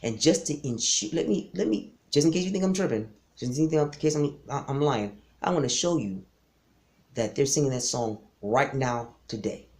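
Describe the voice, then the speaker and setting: A man's voice: medium pitch, animated, normal speed, darkish tone. A man, a martial arts instructor, giving an insistent direct-to-camera history lecture, often restarting his sentences. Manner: emphatic, insistent, frequent restarts.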